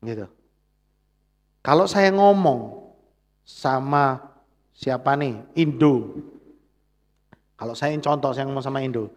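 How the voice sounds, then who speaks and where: A man's voice: medium pitch, takes it slowly, long pauses. A man with a Central Javanese accent preaching a sermon, often calling on the congregation to answer amen. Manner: engaging, prods the congregation for "amen". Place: church hall. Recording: reverberant church hall.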